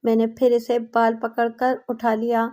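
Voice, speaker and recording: A woman with a high voice reads a crime story aloud in a dramatic storytelling manner. Her delivery is that of scripted audiobook narration. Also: completely flat delivery, a little mellow.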